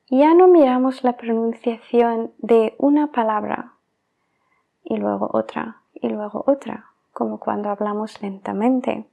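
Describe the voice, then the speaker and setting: A native English-speaking woman gives a podcast pronunciation lesson at an unhurried pace. Her slightly high voice has a gravelly, mellow tone, and she says each example word several times in a row. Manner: patient, explains then repeats example words slowly.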